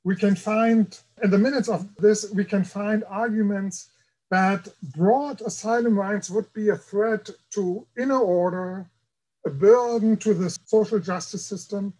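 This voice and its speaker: High-voiced man with a German accent. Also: fairly even intonation, darkish tone, poor audio. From East Germany. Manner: careful, measured delivery. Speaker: guest lecturer. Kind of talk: academic lecture.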